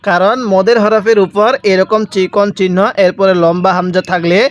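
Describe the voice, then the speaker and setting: A man teaching Quran reading. He recites each word slowly and drawn-out, then explains the rules patiently and repeats them. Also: high-pitched, steady tone, muffled recording. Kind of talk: step-by-step recitation lesson.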